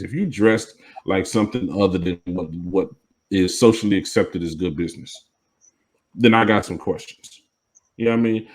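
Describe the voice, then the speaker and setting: A man in a casual podcast discussion. He speaks emphatically and makes his points by circling back with the same checks on his listener. His voice sits a little on the low side. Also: a little mellow, low-quality recording. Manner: emphatic, repeats "you know what I mean". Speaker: podcast co-host.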